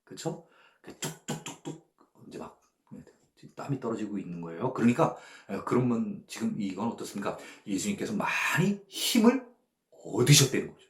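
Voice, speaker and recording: A man's voice: on the low side, normal speed, echoey room. A man, a pastor, teaching a Bible study and checking in with his listeners as he goes, sometimes acting out voices. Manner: animated, acts out voices and sound effects; asks the audience "예?" and "그쵸?" to check they follow.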